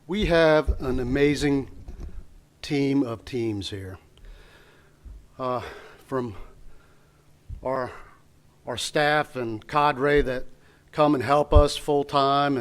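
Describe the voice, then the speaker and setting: Guy emceeing a ceremony, medium voice, lots of uhs and restarts, handing off to the video. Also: mid-range voice. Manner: halting, many restarts. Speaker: ceremony emcee from the training staff. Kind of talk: introducing the next segment. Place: ceremony hall.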